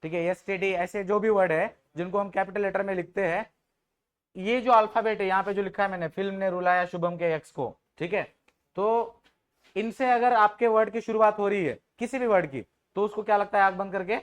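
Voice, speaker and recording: A man's voice: high voice, fairly quick, smooth. A man teaching an English grammar class in Hindi, joking with students and often checking if they understood. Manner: jokes with the class, informal and teasing.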